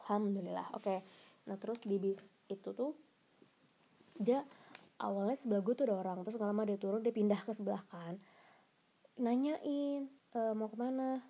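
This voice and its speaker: A woman's voice: medium pitch, a little fast, vocal fry, pauses often, husky. A young woman hosting her own podcast, telling a travel story in a chatty, slangy way and acting out the people she quotes. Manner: chatty, slangy, animated when quoting others. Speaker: podcast host. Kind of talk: casual solo podcast storytelling.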